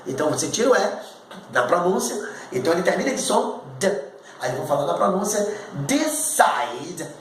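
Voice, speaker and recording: Lively Brazilian man teaching pronunciation. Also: sits high, normal speed. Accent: Brazilian Portuguese. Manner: repeats sounds for drilling, animated. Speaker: English teacher. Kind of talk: casual pronunciation lesson. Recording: echoey room with faint noise.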